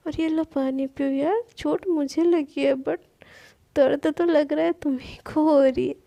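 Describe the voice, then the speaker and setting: A playful young woman in love, teasing and comforting, with a high, gravelly voice and a dark, mellow tone, as a woman storyteller puts her on. She keeps calling her partner baby. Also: steady tone, a little slow.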